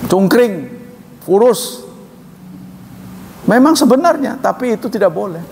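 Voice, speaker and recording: A male preacher lectures in a hall, his slightly raised voice trailing into a long reverb. He recites verses, explains them plainly, and jumps up in pitch to act out quoted speech. A faint hiss runs underneath. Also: animated, unhurried, creaky, a little mellow. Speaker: Islamic preacher. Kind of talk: religious lecture.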